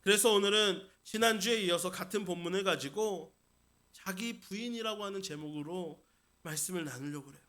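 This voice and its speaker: This senior pastor's voice is high-pitched and a bit bright as he preaches a Sunday sermon during a church service. Speaking emphatically in the sanctuary, he addresses the congregation directly and repeats key phrases.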